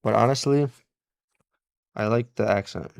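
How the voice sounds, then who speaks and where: A man's voice: lowish voice, measured pace, creaky. A man hosting a casual live stream as he repairs electronics, chatting and laughing often as he thanks and greets his viewers. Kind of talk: casual live-stream chat while soldering.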